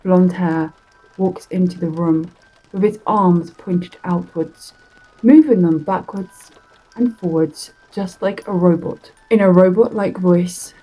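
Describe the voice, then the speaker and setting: A woman tells a horror story in a slow, deliberate reading that draws out its words. Her voice sits low, dark and husky. Faint music plays behind her. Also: low-quality recording. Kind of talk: spoken horror story narration.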